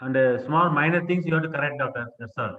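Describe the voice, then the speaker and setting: A man, a senior doctor giving slow, repetitive feedback in an online class, heard over a phone on speakerphone. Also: on the high side. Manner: slow, repetitive, polite phrasing. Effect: heard through a phone on speakerphone. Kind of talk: unscripted teaching remarks. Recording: tinny, echoey phone line with faint hiss and clicks.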